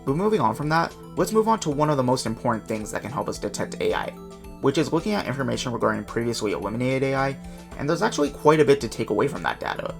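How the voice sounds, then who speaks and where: Fast-talking, wry male YouTuber. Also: medium pitch, big pitch swings, gravelly, over music. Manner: quick, self-mocking and chatty. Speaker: YouTuber and documenter. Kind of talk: casual vlog narration.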